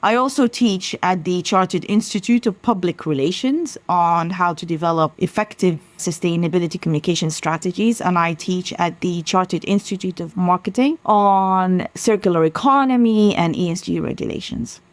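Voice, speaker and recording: A passionate woman from Sudan speaks as a podcast guest, her voice sitting fairly low. She presses her points with emphasis. The sound is dry and close, with no room around it. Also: normal speed, hardly any pauses, no room sound. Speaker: guest, sustainability consultancy founder. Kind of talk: podcast interview answers.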